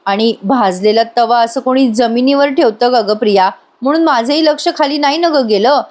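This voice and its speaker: A woman's voice: on the high side, moderate pace, darkish tone, natural voice. A woman voicing a kind young wife who soothes everyone around her. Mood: reassuring.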